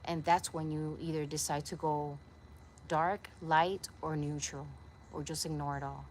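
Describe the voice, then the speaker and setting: A woman's voice: sits low, fairly even intonation, measured pace, darkish tone, a little hiss or hum. A young woman from Puerto Rico talking to a camera set nearby in her backyard, earnest and a little preachy as she rambles. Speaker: vlogger. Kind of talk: casual talk to camera. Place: backyard outdoors.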